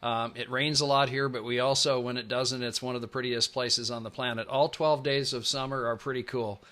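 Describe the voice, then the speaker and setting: A man's voice: mid-range voice, level tone, a little fast, sharp tone. A man hosting a live online presentation on a video call, chatty and enthusiastic, rambling with fillers. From Pacific Northwest United States. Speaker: webinar host.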